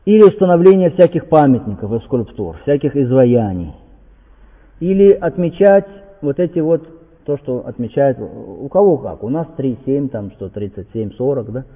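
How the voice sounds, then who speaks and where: A man's voice: mid-range voice, animated, normal speed, narrow, tinny audio. Male preacher, religious lecture, asks rhetorical questions, quotes Arabic, phone-thin sound, long hall echo. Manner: quotes passages in Arabic, then explains them. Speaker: Islamic preacher.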